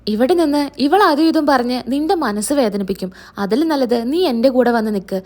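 A woman's voice: on the high side, fairly quick, darkish tone, close to an everyday voice. A woman voicing a stern grandmother who scolds her family in a reproachful way. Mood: scolding.

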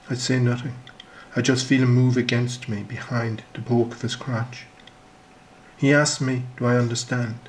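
A man reading his own short story aloud in the first person, measured and low, dropping almost to a whisper on the detective's lines. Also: poor audio.

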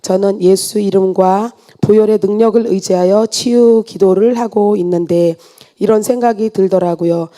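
A woman giving an earnest church testimony, read aloud in a steady way with small restarts. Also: mid-range voice, moderate pace.

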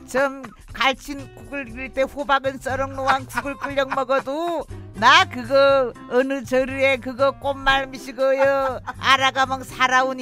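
A middle-aged Jeju housewife in a radio drama, speaking in a thick Jeju accent. Her voice sits high and bright, and she rambles on wistfully, sighing between memories. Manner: rambling, reminiscing, sighing "aigo".

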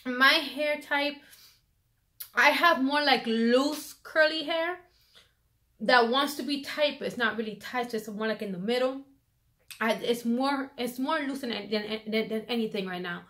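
A woman's voice: fairly high pitch, a little slow, sharp tone. A woman vlogger chatting casually through her hair routine, full of fillers, recorded on a phone camera. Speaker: beauty vlogger.

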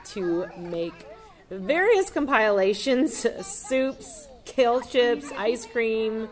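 A woman's voice: fairly high pitch, lively intonation, drawn-out words, a crowd in the background. A woman narrating a voice-over in a plain way, with an occasional "um" or "uh". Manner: plain, a few "um" and "uh" slips.

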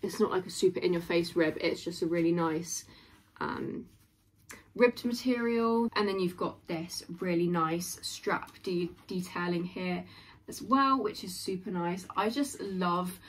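A woman's voice: lowish voice, unhurried. A young woman in her twenties chatting through a clothing haul in her bedroom, gushing and full of likes and ums. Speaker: fashion haul vlogger. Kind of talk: casual try-on haul chat. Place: small bedroom, indoors.

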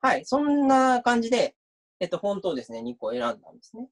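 A man's voice: sits high, huge pitch swings, fast talker. A university lecturer giving an online mock class, chatty and reading out viewer comments as he talks.

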